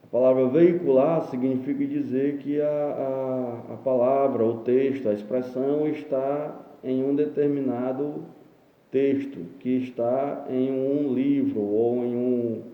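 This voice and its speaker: A Brazilian man teaching an online class, reading dictionary entries aloud and explaining them slowly, often checking in with "né?". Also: medium pitch, fairly even intonation. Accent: Brazilian Portuguese. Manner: slow, explanatory, reads entries aloud with frequent "né?". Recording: echoey room, dull lo-fi sound.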